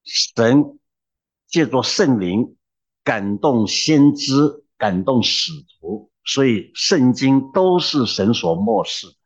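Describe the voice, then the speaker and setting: A man's voice: mid-range voice, lively intonation, slow, muffled recording. A man preaching a sermon, emphatic and exhorting, who drops into humorous storytelling.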